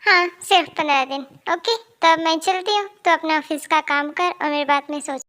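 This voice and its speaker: A woman's voice: very high-pitched, normal speed, pushed and bright. A woman voicing a stern middle-aged mother and company director who scolds and threatens her son. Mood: scolding.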